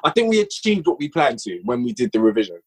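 A guest writer and producer of audio drama chats at length on a casual podcast, explaining his work and frequently restarting his sentences. His mid-range voice is a little mellow and husky, with big pitch swings and a quick pace.

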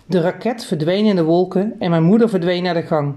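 A woman narrating a children's story in a lively, expressive reading. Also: lowish voice, a little fast.

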